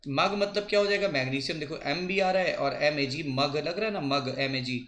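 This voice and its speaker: A man teaching a biology coaching lesson, repeating and spelling out memory tricks slowly for his students. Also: a little high, a bit bright. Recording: echoey room.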